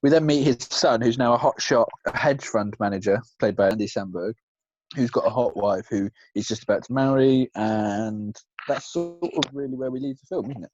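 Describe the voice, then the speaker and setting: A man's voice: mid-range voice, normal speed, darkish tone, dry recording, dull audio. Dry, teasing man. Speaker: podcast co-host. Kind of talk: casual film review chat.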